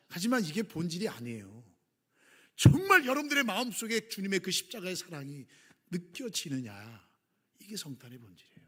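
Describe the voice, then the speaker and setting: A man preaching a sermon as pastor, impassioned, dropping to hushed whispers and rising to near-shouts. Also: fairly high pitch, slightly rough. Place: church sanctuary.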